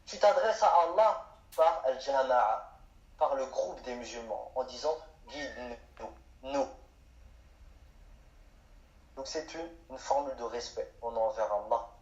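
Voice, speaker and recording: A man's voice: medium pitch, expressive, unhurried, long pauses, a little mellow. Guy teaching a grammar lesson, asks a question then answers it, echoey room, kinda muffled audio. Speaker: Arabic teacher. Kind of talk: explanatory lesson. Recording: echoey room, dull sound.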